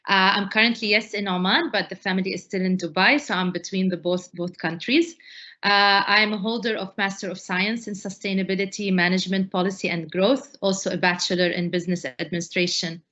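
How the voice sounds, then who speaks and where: A middle-aged woman from Lebanon speaks as an interview guest, eager and full of "uh" fillers. Her voice is bright and forceful. The sound is dull and lo-fi, as over a video call. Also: medium pitch, steady tone, fairly quick. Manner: enthusiastic, many "uh" fillers. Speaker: startup advisor, guest. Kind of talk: interview answers.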